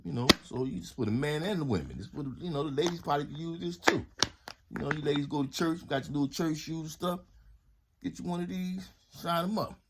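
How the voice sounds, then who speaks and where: A man's voice: on the high side, brisk, heavy background noise. A man casually showing off home products in a haul video, talking to his viewers in a laid-back, slangy way. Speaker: vlogger reviewing home products.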